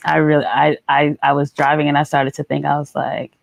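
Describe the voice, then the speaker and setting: A woman's voice: deep voice, flat delivery, a little fast, gravelly, no echo. A woman co-hosting a live podcast with her husband, chatting casually and telling stories with easy laughter. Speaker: podcast co-host. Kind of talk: casual chat on a live show. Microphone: studio microphone.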